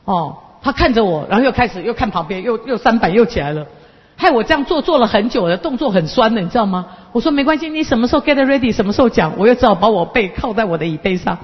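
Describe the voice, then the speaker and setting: A woman's voice: fairly high pitch, quick pace, husky. A woman, a counseling lecturer telling a story to an audience and acting out the dialogue. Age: 50s. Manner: lively, acts out dialogue and mimics people. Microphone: handheld microphone. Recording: echoey hall, dull lo-fi sound.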